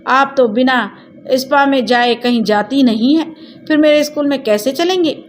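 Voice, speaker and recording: A lively young girl voiced by a woman in a narrated storybook, chirpy and pleading with a raised, childlike pitch. She turns tearful and insistent when scolded. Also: moderate pace, slight background noise, natural voice. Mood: teasing. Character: lively cheeky young girl, devoted to grandmother.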